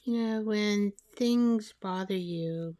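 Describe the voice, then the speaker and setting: A woman chatting casually as she makes a collage, rambling and talking to herself while she glues, her voice soft and sometimes dropping to a whisper. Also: medium pitch, slow pace. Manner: soft-spoken, drifting into whispers. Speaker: collage artist. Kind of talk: casual crafting narration.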